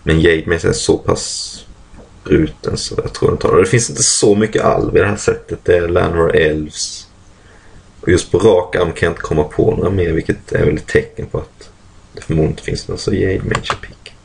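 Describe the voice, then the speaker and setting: A man casually commentating a card draft in speech, thinking aloud with many fillers and frequent throat-clearing. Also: low-pitched, steady tone.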